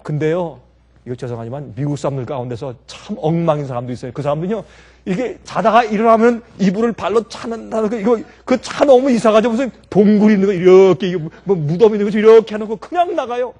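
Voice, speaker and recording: A man's voice: high voice, quick pace. A man preaching a sermon as pastor, talking to the congregation with many rhetorical questions and acted-out everyday scenes. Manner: lively, acts out everyday scenes and quotes.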